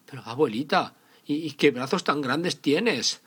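A man's voice: fairly high pitch, expressive, unhurried, fairly bright tone, husky, voice pushed up, heavily acted. A man voicing a sweet, naive little girl in a storybook tale, innocent and eager with some hesitation. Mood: puzzled, uneasy.

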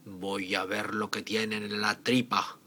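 A man voicing a suspicious, plain-spoken hunter in a storybook tale, puzzled and deliberate. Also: fairly low pitch, little pitch movement, pushed and bright.

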